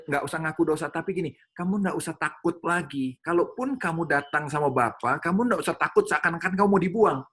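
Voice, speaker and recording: Bright-voiced man giving a lively sermon. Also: fairly high pitch. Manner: animated, addresses listeners as "saudara", acts out dialogue with his child. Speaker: speaker at a church teaching event. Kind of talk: sermon-style teaching talk.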